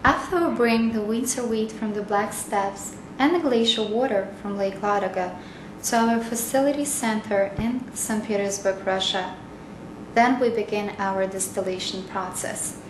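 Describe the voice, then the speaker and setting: A woman reading scripted corporate training narration in a careful, measured way, with small slips in her phrasing. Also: medium pitch, reverberant, background noise.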